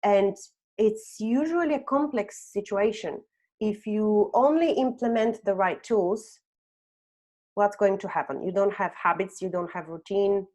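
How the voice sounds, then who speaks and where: This webinar host, an HR consultant originally from Bulgaria and in her thirties, goes through her slides at a measured pace. Her medium-pitched voice is a little mellow, with frequent "um" fillers and "okay?" tags.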